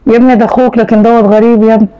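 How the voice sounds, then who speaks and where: A man's voice: extremely high pitch, little pitch movement, very fast, dark tone, smooth, highs cut off. A man voicing a worried old Egyptian mother. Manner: tender, anxious, pleading.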